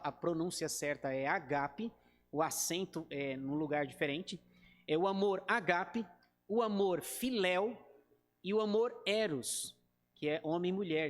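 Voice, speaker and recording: A man's voice: high voice, long reverb tail. A male pastor with a Brazilian Portuguese accent teaching a Bible study in a conversational way, talking to the group and acting out quoted lines. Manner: talks to the group directly and acts out quoted speech.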